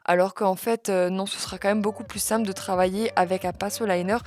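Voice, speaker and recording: A woman calmly narrating a step-by-step nail art tutorial as the channel's host. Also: medium pitch, a little fast. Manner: calm, step-by-step explaining with fillers.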